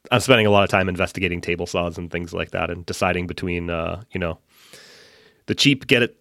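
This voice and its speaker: Low-voiced man chatting casually as a guest. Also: vocal fry, no room sound, clean studio sound. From central Massachusetts. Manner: relaxed, chatty, with frequent fillers and restarts. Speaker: podcast guest. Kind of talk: casual interview chat. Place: home basement.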